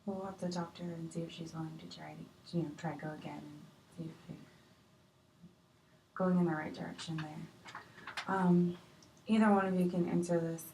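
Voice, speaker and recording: A woman plays a patient marriage counselor who speaks gently and hesitantly, filling pauses with ums. Her voice sits a little low and is picked up from a distance in an echoey room with faint noise. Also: little pitch movement, lightly acted. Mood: calm. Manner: gentle, hesitant with many fillers. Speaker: counselor in role-play. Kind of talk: amateur improvised role-play.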